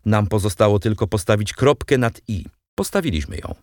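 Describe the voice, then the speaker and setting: A man's voice: fairly low pitch, expressive, fairly quick, a little mellow, no echo, clean studio sound, close to an everyday voice. A man reading as a sly, mocking revolutionary leader. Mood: ironic, mild. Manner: mild, ironic and condescending. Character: shrewd, mocking male revolutionary leader, middle-aged.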